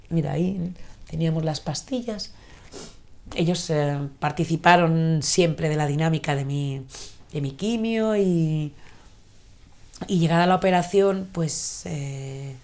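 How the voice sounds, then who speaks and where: Low, gravelly-voiced woman speaking haltingly. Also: darkish tone. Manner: hesitant, halting, reflective. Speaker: podcast guest. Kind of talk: emotional personal conversation. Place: home kitchen.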